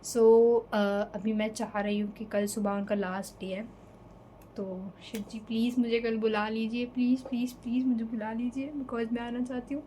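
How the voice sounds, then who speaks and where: A woman's voice: fairly high pitch, little pitch movement, normal speed, warm tone, a little hiss or hum, rough recording. A young woman from Delhi telling an emotional storytime vlog in a casual chatty way, slipping in English fillers. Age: young adult. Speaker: vlogger.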